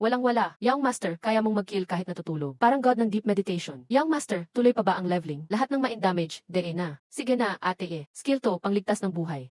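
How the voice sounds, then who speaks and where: A woman's voice: mid-range voice, darkish tone, no room sound. A woman reading all the roles of a dubbed short drama in one voice.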